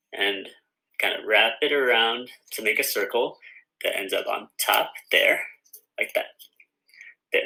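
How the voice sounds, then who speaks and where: Bright-voiced man teaching kids a craft. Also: fairly low pitch, poor audio. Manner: friendly, guiding viewers through each step. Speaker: children's author teaching a craft. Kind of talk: step-by-step craft tutorial for kids.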